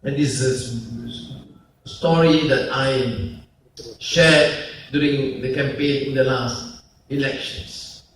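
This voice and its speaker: A man from Malaysia, giving an emphatic public speech with pauses at a conference. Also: medium pitch, fairly even intonation, a bit bright. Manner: slow, emphatic oratory with pauses. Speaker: conference speaker, politician. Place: large conference hall. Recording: echoey hall, distant mic, faint noise.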